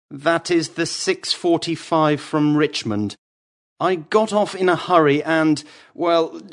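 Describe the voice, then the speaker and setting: A polite, apologetic caller, voiced by a man, leaves a voicemail in a drawn-out, unhurried way. His voice sits a little high, and he pauses and hesitates. It is a scripted recording for a listening test. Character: man leaving a voicemail about a lost bag. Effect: voicemail message left after the tone.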